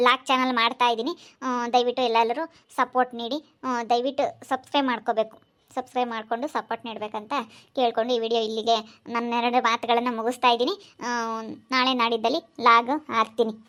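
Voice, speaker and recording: Her voice a little high and a bit bright, this female vlogger from rural Karnataka chats in a Kannada-accented way. She keeps begging viewers for support, repeating her subscribe requests.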